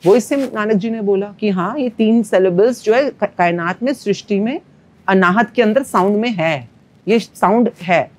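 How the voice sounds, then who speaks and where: A woman's voice: mid-range voice, moderate pace. Earnest woman coach explaining spirituality. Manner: earnest, teacherly explaining with everyday analogies. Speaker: manifestation coach, podcast guest. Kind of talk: spiritual podcast conversation.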